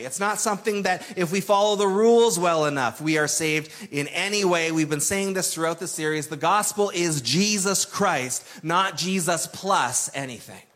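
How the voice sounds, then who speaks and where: A man's voice: sits high, fairly bright tone. A man preaching a sermon in a conversational, emphatic way, repeating key phrases for weight. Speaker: pastor.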